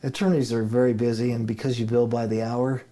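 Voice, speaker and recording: A middle-aged guest from Idaho, United States, speaks fairly quickly at medium pitch with a flat delivery and dark tone. In this casual interview he spins rambling stories, often chuckling and starting sentences over.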